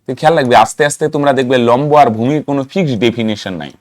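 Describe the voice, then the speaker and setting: In a studio-quality recording with no echo, a man with a mid-range voice talks very fast through a math lesson for students. He asks questions, supplies the answers himself and chants terms so they stick.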